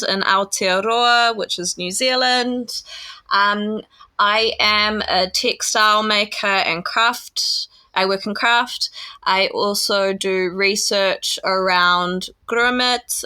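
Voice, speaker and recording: A woman co-hosting a podcast, speaking casually with a measured, halting delivery. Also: medium pitch, bright, forceful tone. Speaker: podcast co-host.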